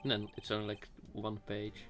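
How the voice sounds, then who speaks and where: A man's voice: lowish voice, completely flat delivery, moderate pace, a bit bright, faint music behind. A man doing a casual let's play, reading game text aloud and commenting on it.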